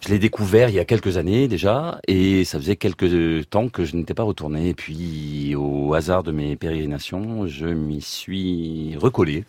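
A man appearing as a radio guest, recommending a restaurant in a hesitant way with many pauses. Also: sits low, warm tone, no room sound. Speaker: guest columnist. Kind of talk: casual radio chat. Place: radio studio.

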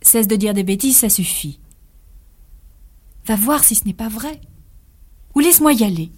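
A woman's voice: medium pitch, lively intonation, moderate pace, darkish tone, pitched above the performer's own voice, close to an everyday voice. A woman voicing a stern, exasperated married man in a radio story reading, curt and commanding.

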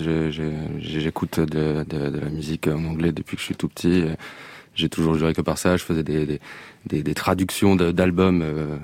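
A man's voice: sits low, a little mellow, no room sound. A man, a rock singer guest on a radio show, speaking emphatically and stammering on repeated words. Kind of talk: radio interview.

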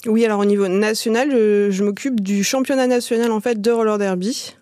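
A woman's voice: mid-range voice, steady tone, fairly quick, warm tone, no echo. Woman radio guest, patient explainer, dry close studio sound. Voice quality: explanatory, many fillers. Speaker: association president, guest. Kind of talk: radio interview.

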